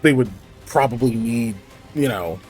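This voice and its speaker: A man's voice: medium pitch, animated, measured pace, a little mellow, husky, soft background music. A man casually narrating a tabletop game as game master, explaining things in hesitant, broken-up phrases.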